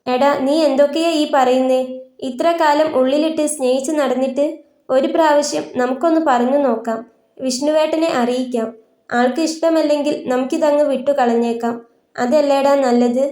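A woman's voice: sits high, fairly even intonation, moderate pace, mellow, natural voice. A woman voicing a caring young woman friend who speaks earnestly and coaxingly, in a roomy recording. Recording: roomy echo.

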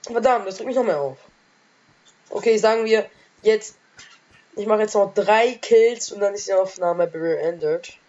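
A woman casually commentating her own game as a let's play gamer, trash-talking excitably, with a sore throat and frequent coughs. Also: mid-range voice, a little slow, long pauses, dull audio.

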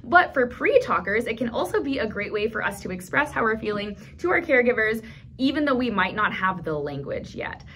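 Speaking fairly quickly in a higher-pitched voice, a library storytime host in her thirties guides toddlers and their grown-ups through activities in a small indoor room. She sounds animated and encouraging, with plain, clear wording suited to young children. A bit of hiss or hum is present.

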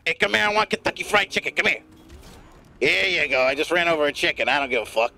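A man streaming a game live, giving profane, rambling running commentary in a put-on gravelly smoker's rasp. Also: fairly high pitch, fast talker, sharp tone.

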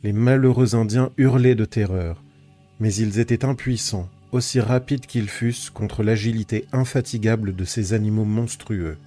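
Mellow low-voiced male audiobook narrator. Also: steady tone, normal speed. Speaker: audiobook reader. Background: soft ambient music.

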